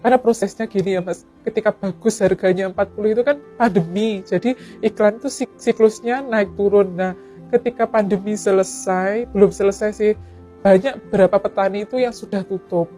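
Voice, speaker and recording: Warm, earnest East Javanese woman telling her story. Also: mid-range voice, fairly even intonation, a little fast, soft background music. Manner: earnest, often sighing thanks to God and quoting others. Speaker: fish farmer and teacher. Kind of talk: personal story told to an interviewer.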